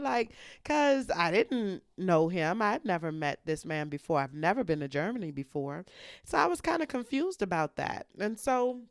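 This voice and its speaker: A podcast host tells a story in a chatty, animated way and jumps into quoted voices as she goes. Her voice sounds smooth and clear. The sound is dry and close, with no room echo. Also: a little high. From United States. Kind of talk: casual storytelling monologue. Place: hotel room.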